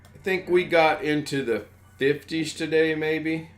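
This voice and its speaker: A man's voice: on the high side, fairly even intonation, measured pace, a little hiss or hum. A man from the United States hosting a live stream in rambling, casual chat, chuckling as he goes.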